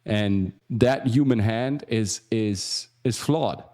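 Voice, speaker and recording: A man hosting a casual livestream as an acting coach, rambling with many restarts and asides and jumping higher for emphasis. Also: slow, warm tone. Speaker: acting coach and show host.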